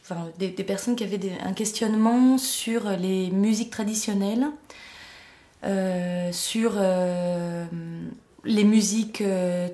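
Scripted narration gives way to an interview with a cultural association organizer whose parents are Argentine. She talks slowly and hesitantly, using many fillers, in a mellow, steady, medium-pitched voice, and the recording sounds roomy.

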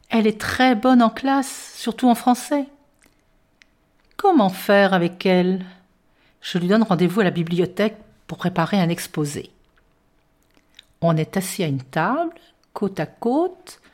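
A woman reading a children's story aloud in a playful, expressive way, narrating as a young boy in the first person. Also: mid-range voice, unhurried, long pauses.

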